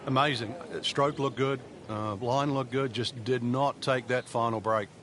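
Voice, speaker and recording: A man's voice: mid-range voice, fairly even intonation, measured pace. A man giving conversational golf commentary as an analyst, chatty and informal in his delivery. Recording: outdoor crowd noise throughout. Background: loud crowd and outdoor ambience.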